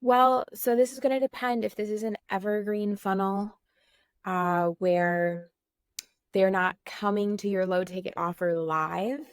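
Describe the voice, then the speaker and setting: A woman co-hosting an online course, explaining in a friendly, practical way with quick asides. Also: mid-range voice, fairly even intonation, clean tone, no room sound, clean studio sound. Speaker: course co-host. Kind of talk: casual course walkthrough.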